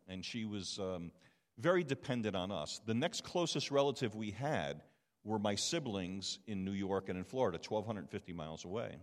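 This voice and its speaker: Fifties man preaching in a reverberant hall. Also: on the low side. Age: 50s. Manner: conversational and self-deprecating, asks the audience "okay?". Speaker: preacher and missionary. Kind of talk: personal testimony sermon.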